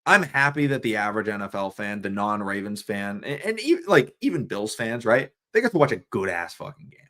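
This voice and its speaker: A young man with a somewhat low voice, venting on a casual live stream. He talks in animated, frustrated bursts, swearing freely and restarting his sentences. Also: fairly quick. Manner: frustrated, profane, animated ranting. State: coughing, throat irritated. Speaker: sports fan streamer.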